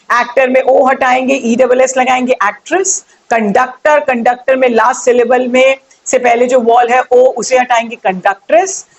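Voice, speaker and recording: Speaking in a high voice, a young woman walks her viewers slowly through English grammar, spells out words one letter at a time, and poses questions to them.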